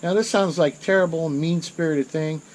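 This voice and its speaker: Guy in his middle years telling a story off the cuff, keeps restarting, a bit high-pitched, some crickets faintly behind. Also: normal speed, slight background noise, rough recording. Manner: rambling, self-correcting, rises in intensity at dramatic moments. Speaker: channel host. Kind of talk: casual storytelling monologue.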